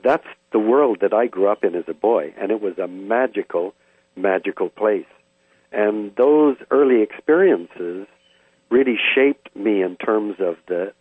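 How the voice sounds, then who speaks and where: An older man from Canada, thoughtfully reminiscing about his childhood with frequent pauses and hesitations. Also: lowish voice, husky, no room sound. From Vancouver, Canada. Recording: dry, tinny phone-like sound.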